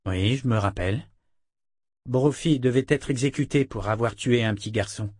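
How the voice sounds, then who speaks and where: A man voicing a naive, easily startled young man, raised and excitable, in an audiobook. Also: mid-range voice, normal speed, husky, dry recording, studio quality, close to an everyday voice. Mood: earnest.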